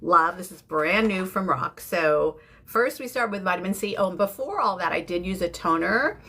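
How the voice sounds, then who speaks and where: Her voice is on the low side, animated and sharp, at a moderate pace. A woman in her fifties from the UK who lives in San Francisco, she hosts a livestream with an American accent, chatting casually and informally with viewers about beauty. Background noise and room ambience appear in the clear recording.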